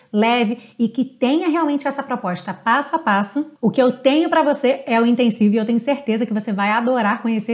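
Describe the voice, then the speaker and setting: Brazilian teacher lady, slightly high voice, slow careful pronunciation tips. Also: darkish tone. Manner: explains patiently, demonstrates pronunciation slowly. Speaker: English teacher. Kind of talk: online language lesson.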